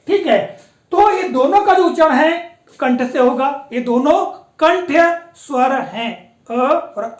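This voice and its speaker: A woman teaching a patient, explanatory lesson, often pausing to check that her students follow along. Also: high-pitched. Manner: patient, explanatory, often repeats a confirming filler. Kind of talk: classroom-style lecture on pronunciation. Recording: echoey room.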